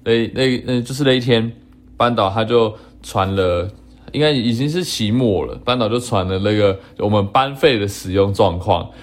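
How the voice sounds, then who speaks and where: A young man, a podcast guest telling an embarrassing story with hesitant restarts. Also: lowish voice. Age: young adult. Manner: halting, with restarts and nervous laughs. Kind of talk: casual storytelling chat.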